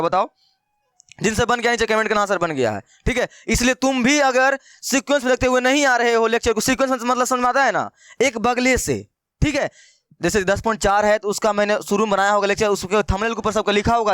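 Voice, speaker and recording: High-voiced, chatty male maths teacher. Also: a bit bright, smooth, no room sound, clean studio sound. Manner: chatty, repeats questions to students, calls them brother. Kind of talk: casual Hindi maths lesson.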